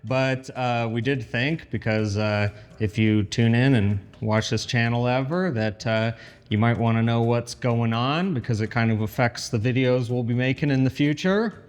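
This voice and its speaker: A man's voice: medium pitch, normal speed, clear, resonant tone. An American man chatting casually and informally to camera as a vlog host, in an echoey empty kitchen. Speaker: channel host. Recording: echoey empty room, faint music.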